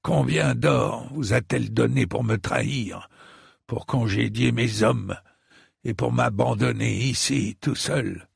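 A proud, indignant old knight who shrieks in high bursts, as a man reading the story puts him on. A gravelly rasp runs beneath the strained, raised voice. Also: slow, no room sound, clean studio sound, heavily acted. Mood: bitter. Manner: high, shrill outbursts.

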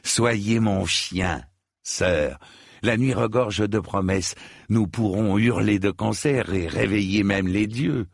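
A man's voice: lowish voice, takes it slowly, creaky, dry recording, clean studio sound, full character voice. A man voicing a whimsical young fiddler in a storybook reading, speaking in an airy, theatrical, dreamy way.

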